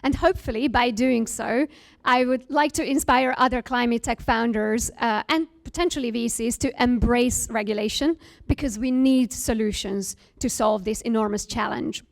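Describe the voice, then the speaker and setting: Speaking at a moderate pace, this founder from Hungary has a fairly high voice touched with vocal fry. She presents earnestly to an audience and often leans on filler words.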